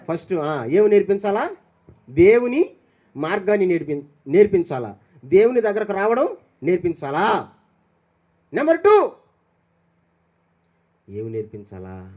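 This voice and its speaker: An older man preaching a sermon as pastor, questioning his congregation and swinging between raised calls and quiet low asides. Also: very animated, a little slow, pauses often.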